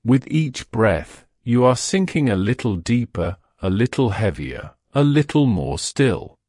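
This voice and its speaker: A man talks a listener down into sleep in a slow, unhurried voice. His pitch swoops widely, rising and sinking as he draws out each instruction. The sound is close and dry, with no room around it. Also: very animated, a little mellow, dry recording. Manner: slow, soothing, drawn-out delivery. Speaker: sleep hypnosis guide. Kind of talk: guided relaxation script.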